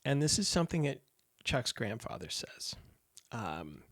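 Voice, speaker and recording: A man co-hosting a casual film podcast, talking in an animated, sarcastic way and often slipping into mock quotes. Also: mid-range voice, a little slow, no echo, studio quality. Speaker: podcast co-host.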